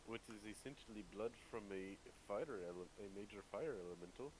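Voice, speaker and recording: Man playing low, earnest, simple sword wielder Gorbik. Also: expressive, fairly quick, close to an everyday voice. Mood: earnest, literal. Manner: speaks of himself in third person, plain and literal. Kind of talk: tabletop role-play. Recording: hissy, noisy home microphone.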